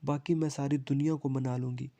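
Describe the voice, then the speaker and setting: A man's voice: medium pitch, level tone, warm tone, natural voice. A man voicing a playful, stubborn young woman who teases her cousin, in a storybook reading. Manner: teasing, stubborn.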